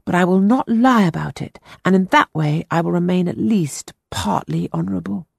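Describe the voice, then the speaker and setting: A woman's voice: moderate pace, creaky, slightly rough, dry recording, studio quality, full character voice. A woman voicing an earnest ten-year-old boy. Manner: earnest, pleading, high and urgent.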